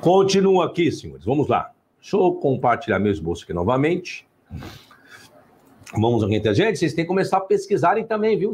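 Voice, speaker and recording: A middle-aged Brazilian man gives a livestream lecture in a fairly high voice that rises and falls with wide swings. He talks emphatically, fires rhetorical questions at his viewers and scolds them now and then. When he reads out his source texts he slows his pace. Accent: Brazilian Portuguese. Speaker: online teacher and channel host.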